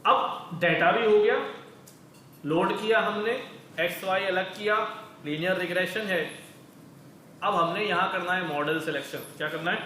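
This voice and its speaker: A man's voice: high-pitched, moderate pace, pauses often, sharp tone, roomy sound, slight background noise, low-quality recording. A male teacher leading a coding lecture in a casual, conversational way, asking questions and then answering them himself. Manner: conversational, calls listeners brother.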